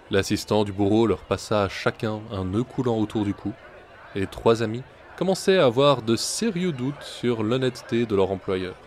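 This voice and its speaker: A man with a low-pitched voice narrates old folk tales. His delivery is measured and deliberate, the pace of a practiced storyteller. Now and then he slips into the voices of his characters. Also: a little hiss or hum.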